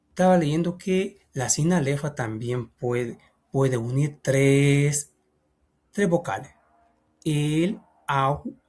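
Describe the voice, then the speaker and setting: Laid-back man teaching a lesson. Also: a little high. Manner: casual, thinks aloud, often says "va"; counts syllables slowly, trailing off quietly. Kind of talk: explaining a textbook lesson.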